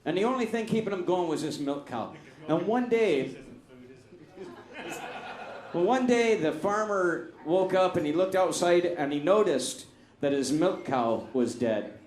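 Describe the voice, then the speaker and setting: A man telling a long shaggy-dog joke in a rambling, deadpan way. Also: high-pitched, unhurried, reverberant. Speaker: joke teller.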